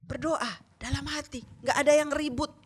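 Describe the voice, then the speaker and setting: A woman teaching a children's Sunday school lesson in a lively way, often asking the children questions. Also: sits high, normal speed, slight background noise.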